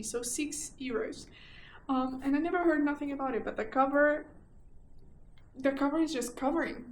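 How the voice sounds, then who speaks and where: A young woman from Portugal with a Portuguese accent talks in a bright, high register. She chats casually and animatedly, often doubling her phrases. The room around her is echoey, with faint ambient noise behind. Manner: chatty and animated, repeats herself for emphasis. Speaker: book vlogger. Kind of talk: casual chat.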